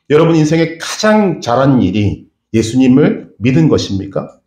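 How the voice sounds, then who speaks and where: A middle-aged man preaching a sermon in a roomy church, his slightly raised voice rising and falling with lively swings. He speaks with earnest conviction, pressing the congregation with questions. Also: fairly high pitch. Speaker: pastor. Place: church sanctuary.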